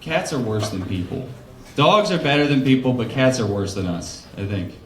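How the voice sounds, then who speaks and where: A man's voice: medium pitch, big pitch swings, moderate pace, a little hiss or hum. A man doing loose, rambling stand-up comedy and crowd work at an open mic, laughing at his own asides. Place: comedy club stage. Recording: roomy club sound.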